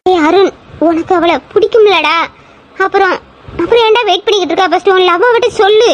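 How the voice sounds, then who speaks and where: Brief: woman as a bossy, nosy girlfriend, squeaky and rapid, audio drama. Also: lo-fi sound. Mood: urging. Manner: urging, bossy, fast-talking. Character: pushy, nosy young woman friend. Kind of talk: amateur audio drama acting.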